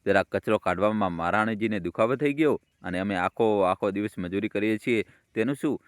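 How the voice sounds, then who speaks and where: A man's voice: brisk, no echo, studio quality, close to an everyday voice. A man voicing a harsh, bossy young wife who mocks and scolds. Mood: scolding. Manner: shrill, mocking, bossy.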